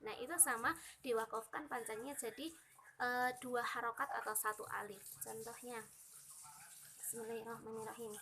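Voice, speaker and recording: A young woman with an Indonesian accent talks through Quran recitation rules casually, with a high, light voice. She fills her sentences with "gitu", and she draws the example verses out slowly. Clear background noise sits under the recording. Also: sharp tone. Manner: chatty explaining, frequent "gitu" and fillers, slow drawn-out recitation of examples. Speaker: student teaching Quran recitation.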